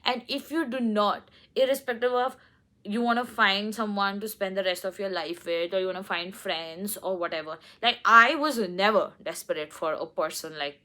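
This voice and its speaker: A woman's voice: mid-range voice, moderate pace, pushed and bright. A young woman with an Indian English accent, candidly telling a personal story to the camera and slipping between English and Hindi. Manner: candid, switches between English and Hindi, many "like" and "okay" fillers. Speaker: vlogger.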